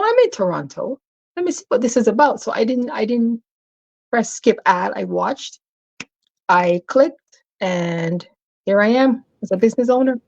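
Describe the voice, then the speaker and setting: A middle-aged woman from Barbados, a guest on an interview show, telling her story in a steady, matter-of-fact way. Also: medium pitch, creaky, rough recording. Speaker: guest business owner.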